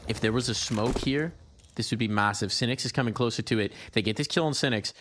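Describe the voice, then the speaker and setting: A man's voice: medium pitch, quick pace. A man giving live esports play-by-play commentary, making dramatic, declarative calls in clipped phrases. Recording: clear game noise, gunfire and clicks. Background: game gunfire and clicks.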